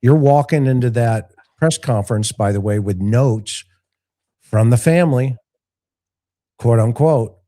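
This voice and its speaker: A man's voice: mid-range voice, a little slow, pauses often, warm tone. A man hosting a live call-in show, giving casual, opinionated commentary in a blunt, folksy way with rhetorical asides. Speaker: talk show host and investigator.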